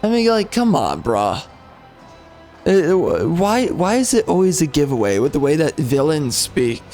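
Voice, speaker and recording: Male game streamer, casual and slangy, slightly high voice, unhurried halting delivery, faint music behind. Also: sing-song, darkish tone. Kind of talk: casual gameplay commentary.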